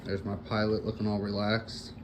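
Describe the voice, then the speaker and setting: A man's voice: on the low side, monotone, normal speed. A man filming a trip as a travel companion, giving short on-the-spot commentary in clipped phrases. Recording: clear engine and vehicle noise. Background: vehicle and engine noise.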